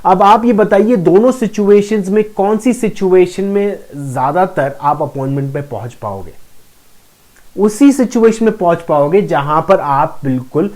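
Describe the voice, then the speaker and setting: A law of attraction coach delivers a motivational self-help lesson to camera in Hindi mixed with English phrases, explaining steadily and repeating key phrases for emphasis. His high-pitched voice is a little mellow at a measured pace.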